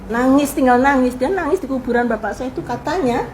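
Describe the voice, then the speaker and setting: An older Indonesian woman, interviewed as a guest, reminisces casually about her family's past. Her voice is higher than most women's, and she talks fast and energetically, mimicking the people she quotes. The recording is low quality, with a faint hiss beneath her voice.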